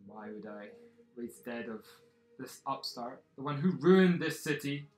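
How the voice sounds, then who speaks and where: A man's voice: lowish voice, steady tone, measured pace, a bit bright, roomy sound, low-quality recording. A man voicing a haughty, suspicious silver-haired male minister with a dismissive, indignant manner, in a tabletop game. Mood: projecting.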